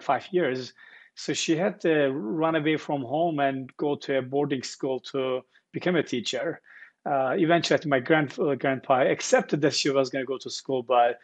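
A man, a guest telling his story earnestly over a video call, often repeating words as he searches. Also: mid-range voice. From Turkey. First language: Turkish. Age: 40s. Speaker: guest founder. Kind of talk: casual interview storytelling. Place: living room with armchairs, indoors. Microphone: earbuds on video call.

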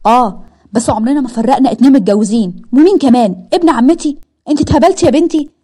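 A lovesick young man with an Egyptian accent, as a woman puts him on, pleading and indignant. The voice is husky, warm and quick. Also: sits high. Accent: Egyptian Arabic.

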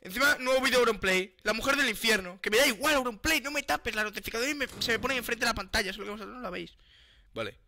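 Un hombre con acento de España que juega en directo, charlando de forma excitable, suplicante y bromista. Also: male voice, extremely high pitch, fast, creaky. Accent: Spain Spanish. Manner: excitable, pleading, joking. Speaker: gaming streamer. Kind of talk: live gameplay chat.

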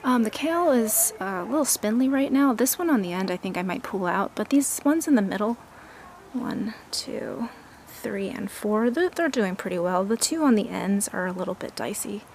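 A woman narrates a walk through her backyard garden, recorded outdoors on a handheld phone camera. Her mid-pitched voice carries a light vocal fry, and she speaks in a relaxed, admiring way with natural fillers. Faint outdoor ambience sits behind her. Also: moderate pace, slight background noise. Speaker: gardener giving a garden tour. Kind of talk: casual walking tour narration.

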